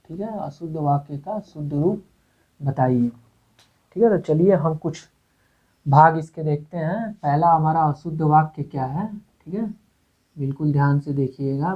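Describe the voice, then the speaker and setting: Slow, repetitive male grammar teacher. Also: fairly high pitch. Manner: repeats words, asks rhetorical questions, frequent "okay". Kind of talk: exam-prep grammar lecture. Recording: tinny phone-like lo-fi audio.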